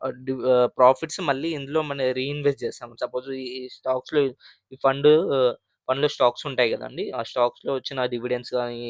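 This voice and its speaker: A man's voice: mid-range voice, no echo, clean studio sound. A man hosting a finance channel, explaining mutual fund figures in a conversational way, with frequent fillers and restarts. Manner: conversational, many fillers and restarts, mixes English terms.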